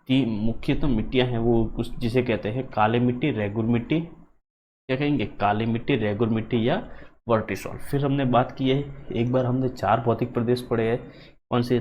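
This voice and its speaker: A man teaching who quizzes his class. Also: medium pitch. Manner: repeats points as questions to the class. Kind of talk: exam-prep geography lesson. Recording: dull lo-fi sound, faint hum.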